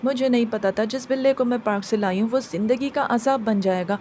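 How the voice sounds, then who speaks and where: A woman's voice: fairly high pitch, brisk, a little mellow, slight background noise. A woman narrating a horror story in the first person with emotional delivery.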